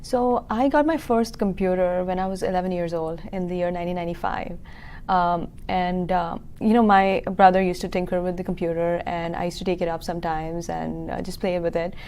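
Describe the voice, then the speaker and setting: A woman's voice: fairly low pitch, steady tone, brisk, darkish tone, a little hiss or hum. A woman in her thirties from Kuwait, a school founder explaining her business in a local TV interview, earnest and full of fillers. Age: 30s.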